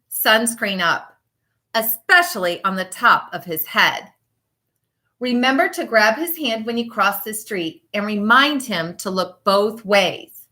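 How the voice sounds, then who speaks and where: With a fairly high voice, a woman teacher shares a picture book with children, reading aloud and talking with them. She stresses words expressively and leaves intentional pauses.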